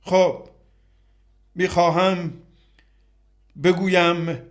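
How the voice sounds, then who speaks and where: Male reciter, slightly high voice, brooding two-voice dialogue, short questioning exchanges.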